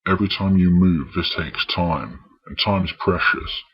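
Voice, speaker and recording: A man narrating a scripted retro video game review in a husky voice. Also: deep voice, moderate pace. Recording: dull, muffled lo-fi voice track.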